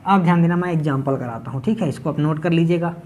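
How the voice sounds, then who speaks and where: Amid slight background noise, a man with a somewhat high, darkish voice speaks quickly. He's a Chhattisgarh teacher giving an English grammar lesson at a board in locally accented Hindi, explaining step by step and often checking with his class via "ठीक है".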